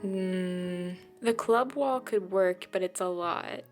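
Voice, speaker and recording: A woman's voice: mid-range voice, unhurried, soft background music. A woman giving casual gameplay commentary, rambling and sarcastic, swearing often as she talks to her viewers. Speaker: gaming YouTuber.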